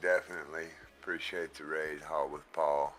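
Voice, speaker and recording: A man's voice: very deep voice, flat delivery, moderate pace, a bit bright, soft background music. A man hosting a livestream through a headset mic, casual and easygoing, often thanking his viewers. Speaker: livestream host.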